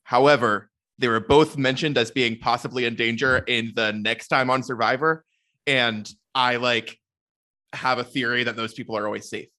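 A man co-hosting a podcast in casual chat, making his points in a measured, reasoned way. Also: mid-range voice, steady tone, pushed and bright. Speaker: podcast co-host.

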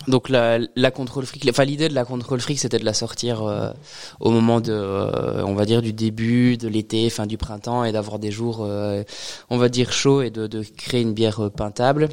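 A man's voice: medium pitch, fairly even intonation, normal speed, darkish tone, clear, resonant tone. A man, a brewery guest on a podcast, explaining at length in casual talk, with many fillers and phrases ending in "quoi". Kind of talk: casual interview chat.

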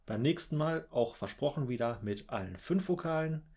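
A man's voice: moderate pace, slightly rough. A man hosting a literature podcast, reciting playful one-vowel poems with dry humor. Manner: dramatic, wry recitation with lively pitch swings. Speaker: podcast host.

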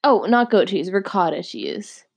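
A woman's voice: mid-range voice, a little slow, darkish tone. A young woman co-hosting a casual podcast chat, leading the topic list, with a lot of hesitant "um" and "like" fillers. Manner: hesitant, lots of "um" and "like".

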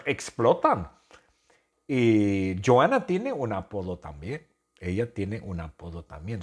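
A man telling a simple story in slow Spanish for learners, repeating phrases and acting out sound effects and crowd cheers, then asking quiz questions. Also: lowish voice, breathy edge. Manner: animated, with sound effects and shouted crowd noises; speaks slowly and repeats phrases.

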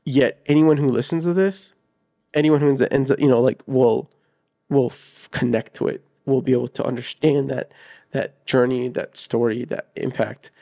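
A man with a gravelly, fry-heavy voice co-hosts a movie podcast. His pitch sits in the middle range. He talks earnestly and rambles, with lots of fillers. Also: fairly even intonation, normal speed, mellow. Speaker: podcast co-host. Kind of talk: casual chat.

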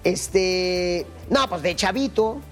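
A man with a Mexican accent chats as a guest, poking fun at himself and drifting into pauses and fillers. Faint music plays underneath. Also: sits high. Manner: playful, self-mocking storyteller who trails off into fillers. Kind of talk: casual chat.

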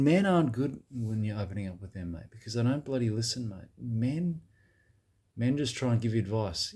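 A man playing a blokey Australian bro who gives dubious advice in a satirical monologue, with a husky, laddish way of talking. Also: lowish voice, warm tone. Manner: laddish, drops "mate" and "bloody" constantly.

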